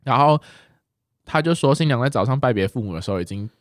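A man, co-hosting a podcast and telling a story in a lively, casual way, laughing often. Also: medium pitch, fast talker, no room sound, studio quality. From Taiwan. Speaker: podcast co-host. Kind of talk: casual chat.

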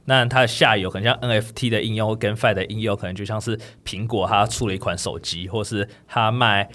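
A man's voice: fairly low pitch, fairly even intonation, fast, a bit bright. A man with a Taiwanese Mandarin accent, co-hosting a podcast and explaining things in a casual, filler-heavy way. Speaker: podcast co-host.

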